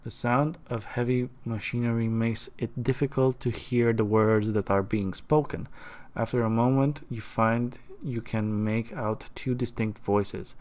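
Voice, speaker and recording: Slow-talking male gaming streamer. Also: medium pitch. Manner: casual, reads game text aloud in a flat drawl. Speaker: streamer playing a game. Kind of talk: let's play commentary and reading game text aloud.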